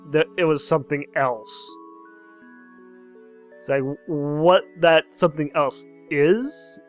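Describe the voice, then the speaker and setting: A young man casually commenting on a game as he plays, musing aloud, reading lines of dialogue and chuckling often. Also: on the high side. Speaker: let's play host.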